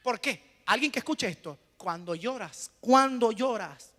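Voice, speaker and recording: Male preacher, high bright voice, rhetorical call-and-response questions, hushed then loud, echoey hall reverb. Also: lively intonation, normal speed. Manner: swings between hushed and loud emphatic bursts. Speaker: pastor. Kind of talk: sermon.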